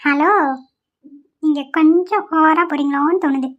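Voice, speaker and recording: A woman voicing a mild, placating young wife in a cartoon, talking in a gentle, pleading way. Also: high voice, steady tone, moderate pace, muffled recording.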